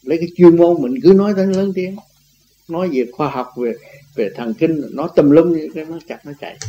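A man's voice: on the high side, fairly quick, warm tone, lo-fi sound, a little hiss or hum. A man giving an informal spiritual teaching, rambling and repeating himself, laughing now and then. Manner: rambling, repetitive, laughs often. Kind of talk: informal religious teaching talk.

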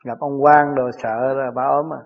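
A man's voice: mid-range voice, fairly even intonation, unhurried, lo-fi sound. A man with a Southern Vietnamese accent, a spiritual teacher answering his disciples' questions in plain, chuckling stories. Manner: chuckling, plain-spoken storytelling.

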